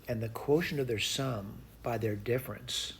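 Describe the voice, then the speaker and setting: Speaking at a moderate pace in a medium-pitched voice, this math tutor works through an informal lesson by talking to himself. He hesitates, spells out each step and goes over it again, with clear background noise in the recording.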